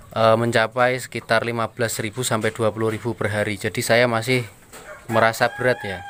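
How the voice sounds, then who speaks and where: A rabbit farmer, explaining feed tips to viewers in a relaxed, friendly vlog. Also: male voice, medium pitch, slight background noise. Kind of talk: casual how-to vlog. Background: birds and chickens.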